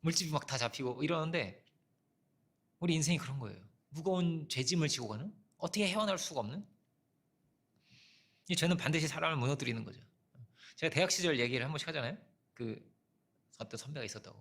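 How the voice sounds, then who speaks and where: A man's voice: a little high, expressive, fast talker, pauses often, a bit bright. A middle-aged male pastor giving a conversational sermon with personal stories and rhetorical questions. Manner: conversational preaching with frequent rhetorical "어?"; storytelling with personal anecdotes.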